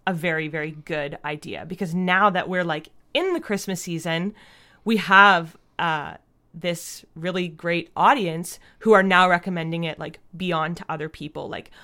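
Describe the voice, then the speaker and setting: An audio drama writer appears as an interview guest, talking casually and reflectively as she explains things, with "like" popping up often as a verbal habit. Her voice is on the low side, steady, pushed and bright, at a moderate pace.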